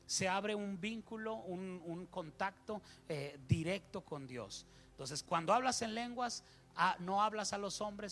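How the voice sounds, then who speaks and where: High-voiced pastor preaching. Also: male voice, fairly bright tone. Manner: playful, acts out little dialogues with shifting voices. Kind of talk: sermon.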